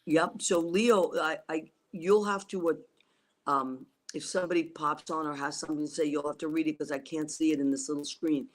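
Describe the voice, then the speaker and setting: Streaming remotely while abroad on a trip, a woman hosts a casual livestream over a video call. Italian is her first language; her low voice has fairly even intonation and a normal pace. She rambles enthusiastically, full of fillers and restarts, as a talk show host.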